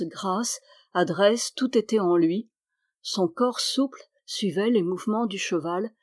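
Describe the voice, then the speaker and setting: A woman reading a historical novel aloud as an audiobook, in a measured, expressive storytelling manner. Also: medium pitch, no echo, studio quality. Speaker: audiobook reader.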